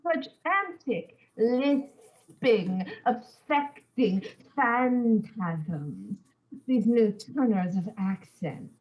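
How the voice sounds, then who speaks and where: A woman's voice: fairly high pitch, lively intonation, drawn-out words, highs cut off. A woman playing a witty, mocking young nobleman, giving the verse a theatrical, teasing delivery. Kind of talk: Shakespeare stage reading.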